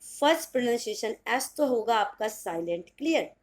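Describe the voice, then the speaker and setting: A woman with an Indian accent teaching English pronunciation in Hindi, spelling words out letter by letter, repeating them and asking if it is clear. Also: on the high side, lively intonation, normal speed. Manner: checks understanding with "clear?".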